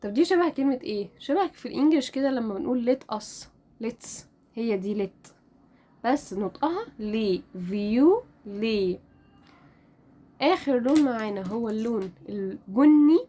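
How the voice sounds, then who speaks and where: A woman with an Egyptian Arabic accent teaching French pronunciation in a casual lesson, spelling out letters and repeating each word slowly. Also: fairly high pitch, lively intonation, warm tone. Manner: drills words slowly, repeating each one.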